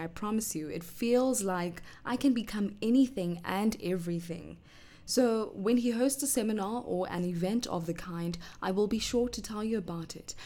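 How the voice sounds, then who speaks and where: A woman hosting her own podcast in an upbeat, chatty way. Her pitch sits in a plain middle range, and now and then she drops to an almost whispered aside. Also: a little mellow. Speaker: podcast host. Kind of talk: solo podcast chat.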